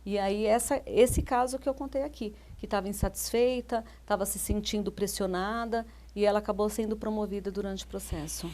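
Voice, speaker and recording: A Brazilian woman speaking as a life coach in an interview, with a voice pitched in the ordinary middle range for a woman. She talks in an anecdotal way, often acting out what her clients told her and restarting her sentences. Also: fairly even intonation, a little fast, hardly any pauses, a little mellow. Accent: Brazilian Portuguese. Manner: anecdotal, quotes clients' words, many restarts. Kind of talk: interview answers.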